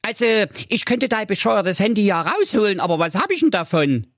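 A man's voice: high voice, big pitch swings, fairly quick, no room sound, studio quality, pitched above the performer's own voice, exaggerated voice. A man voicing a cheeky, pushy male frog in a raised, wheedling voice, for a comic fairy-tale parody.

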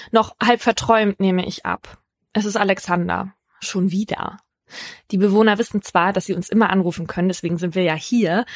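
A woman hosting a true crime podcast, telling a case in a measured, scripted first-person narration. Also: mid-range voice, no echo, studio quality.

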